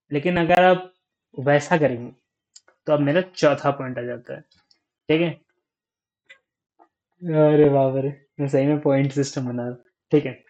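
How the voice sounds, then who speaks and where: Unhurried man thinking out loud. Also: on the high side, highs cut off. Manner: unhurried, thinks aloud, forgets points mid-talk; frequent "ठीक है?" check-ins. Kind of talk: casual talk to camera.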